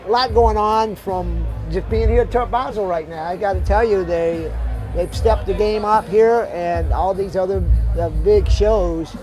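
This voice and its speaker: An older man with a Southern accent, a guest in a casual interview, talking in an easygoing, halting way with frequent restarts. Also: high voice, a little mellow, soft background music, some chatter behind. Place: outdoors at a busy expo.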